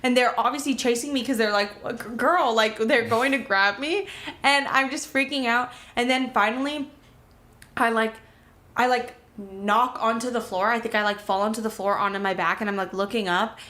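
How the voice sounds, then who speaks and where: A woman's voice: a little high, normal speed, bright, forceful tone. Young woman rambling through a story. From Miami, US. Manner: rambling, many "like" fillers, swearing. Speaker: podcast co-host. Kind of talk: casual storytelling.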